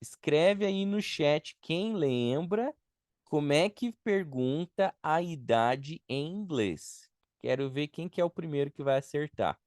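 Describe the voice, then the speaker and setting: A man with a Brazilian Portuguese accent leads a live online beginner lesson. He talks at an unhurried pace, repeating each word patiently so students can copy it. The recording is dry, with no room echo. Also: a little high, expressive, a little mellow. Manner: patient, repeats words slowly to model pronunciation. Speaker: English teacher.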